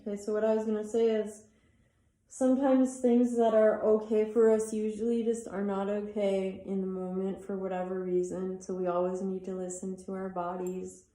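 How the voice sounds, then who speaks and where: A woman's voice: mid-range voice, flat delivery, normal speed, dark tone, roomy sound. A woman teaching a guided yoga class who chats between instructions and sounds tired. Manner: chatty, apologizes for talking too much. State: tired, yawning. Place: athletic club room.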